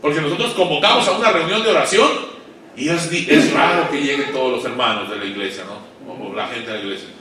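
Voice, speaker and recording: A man preaching a sermon to pastors, swinging between loud emphatic peaks and low quiet asides and asking the audience questions. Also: fast, slight background noise. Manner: asks the audience questions and waits for replies. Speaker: guest pastor. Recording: echoey hall, voice far from mic.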